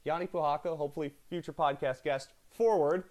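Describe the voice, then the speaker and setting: A man's voice: on the high side, steady tone, fairly quick, a little mellow. A man with a North American accent, interviewing as a podcast host in a chatty, effusive way.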